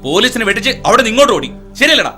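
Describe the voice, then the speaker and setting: A man's voice: extremely high pitch, very animated, racing, sharp tone, faint music behind, full character voice. An arrogant, scornful police commissioner father. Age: middle-aged. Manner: harsh, taunting, contemptuous. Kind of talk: dubbed film acting.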